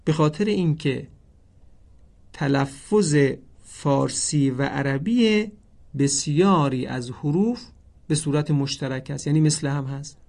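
A man teaching a Quran recitation lesson, speaking formally and slowly spelling out the names of the letters one by one. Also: a little high, vocal fry, a little mellow. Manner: slow, deliberate, stresses each letter; formal, addresses listeners politely.

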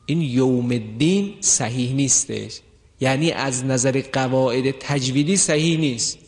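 A man teaching the rules of Quran recitation, drawing out his example words slowly and deliberately. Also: medium pitch. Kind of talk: tajweed lesson with recited examples. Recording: long hall reverb.

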